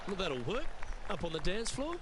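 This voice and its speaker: A man playing a measured lead golf commentator, calling shots in a televised style for a video game. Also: high-pitched, very animated, a crowd in the background. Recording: clear outdoor ambient noise.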